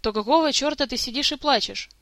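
A woman voicing a grumbling, sarcastic male jester and thief in an audiobook story, gruff and mocking. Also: very high-pitched, fast talker, fairly bright tone, no room sound, pitched above the performer's own voice.

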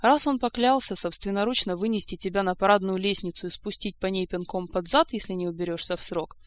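A woman's voice: mid-range voice, steady tone, fairly quick, close to an everyday voice. Kamila, a woman reading as a drawling, lazy court lady. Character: lazy, indifferent, mocking young court lady.

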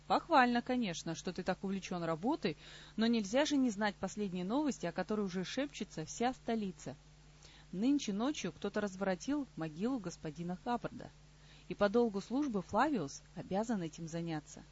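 A woman's voice: medium pitch, lively intonation, darkish tone, a little hiss or hum, natural voice. Dry sarcastic king read by a woman, audiobook, a bit muffled. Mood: dry mocking. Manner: dry, mocking, unhurried. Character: wry, sardonic middle-aged male king. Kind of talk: audiobook character reading.

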